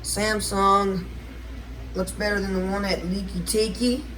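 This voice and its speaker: Flat and a little slow, this high male voice belongs to a vlogger rambling around a condo kitchen with lots of fillers and restarts. Next to him a washer is running, and water and appliance sounds make the audio noisy.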